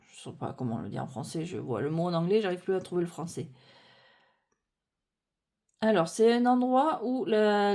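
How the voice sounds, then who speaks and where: Here a woman speaking French leisurely works her way through a tarot deck card by card. Her medium-pitched voice has a warm tone, and she muses aloud, peppering her speech with fillers, false starts and self-corrections.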